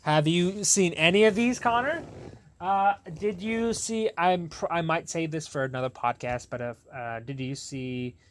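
A man's voice: a little high, a little slow, a bit bright. A young man hosting a podcast in casual chat, rambling and correcting himself as he talks. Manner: rambling, self-correcting, laughs often. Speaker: podcast host.

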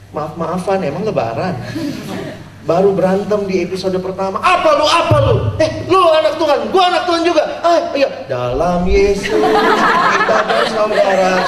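A high-voiced man delivers a sermon and mimics the people in his stories for laughs. He sounds distant from the mic, in an echoey room. A faint hum of room ambience sits behind him. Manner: humorous storytelling, acting out quoted people. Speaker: preacher.

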